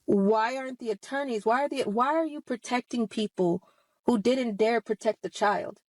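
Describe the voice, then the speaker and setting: Her voice sits on the high side, a little mellow, at a moderate pace in a dry recording. This roughly thirty-year-old online video host delivers heated personal testimony straight to her audience, emphatic, confrontational and full of rhetorical questions.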